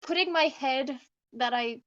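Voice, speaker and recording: A woman's voice: sits high, unhurried, muffled recording. A woman player in a tabletop role-playing game, playfully describing what her character does. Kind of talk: casual play chat.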